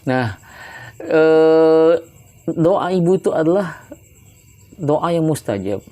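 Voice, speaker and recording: Relaxed man giving religious advice. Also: a little high, takes it slowly. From Palembang, South Sumatra. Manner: relaxed and chatty, often adds "ya kan" tag questions. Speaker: Islamic religious teacher. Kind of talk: conversational religious advice talk.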